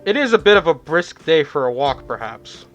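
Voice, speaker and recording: A man voicing a polite female demon in a measured, slightly formal manner, for a visual novel reading. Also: a little high, big pitch swings, fairly bright tone, muffled recording, soft background music.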